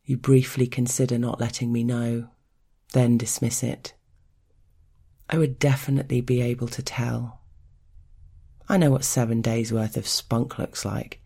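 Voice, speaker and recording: An intimate narrator with a creaky, gravelly edge and a middling pitch. The delivery is measured and deliberate, telling an erotic first-person story as if to a single listener. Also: flat delivery, warm tone.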